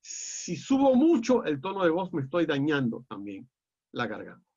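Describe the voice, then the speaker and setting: A middle-aged man with a Peruvian accent lecturing a class in a measured, explanatory way, often pausing on "eh". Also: on the high side, huge pitch swings, a little mellow, slightly rough. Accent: Peruvian Spanish. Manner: measured and explanatory, with frequent "eh" fillers and restarts. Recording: dull lo-fi audio.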